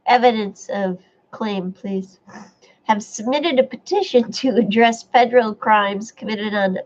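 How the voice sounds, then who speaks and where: Over dull, lo-fi stream audio, a woman with a medium-pitched voice keeps a measured pace. Stuffy-nosed, she runs a casual live stream, reading out viewer comments and replying to them.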